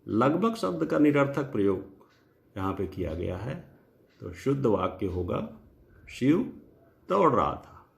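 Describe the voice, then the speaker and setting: A man teaching Hindi grammar in a lecture, speaking slowly and deliberately, spelling out example sentences word by word and addressing viewers directly. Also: mid-range voice, sing-song, vocal fry.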